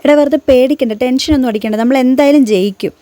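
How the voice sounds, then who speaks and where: A woman playing a lazy student who loudly boasts she can bluff through any exam. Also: sits high, fast talker, close to an everyday voice. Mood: boastful. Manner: loud, boastful reassuring.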